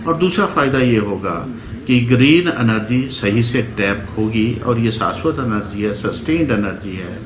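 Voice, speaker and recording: A man's voice: mid-range voice, lively intonation, measured pace, crowd noise. Middle-aged man in an echoey office. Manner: orderly, listing points. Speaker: board chairman. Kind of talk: news interview statement. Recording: echoey office with background noise.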